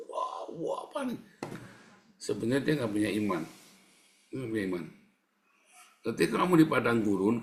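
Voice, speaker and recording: A man's voice: mid-range voice, a bit bright. A male pastor giving a sermon in a joking, conversational way, often addressing the congregation directly.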